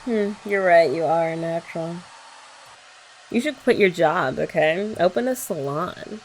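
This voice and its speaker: Speaking softly at a measured pace, this young ASMR creator teases playfully in a girlfriend roleplay as someone dries her hair. Her lowish voice is expressive, and a faint hair dryer can be heard behind her on a poor-quality recording.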